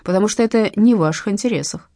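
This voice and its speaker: A woman's voice: mid-range voice, very fast, mellow, dry recording, studio quality, voice pushed up, lightly acted. A woman voicing an elderly, courteous male blackmailer who speaks in a ceremonious, politely menacing way, in an audiobook. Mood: smoothly menacing. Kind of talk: audiobook narration.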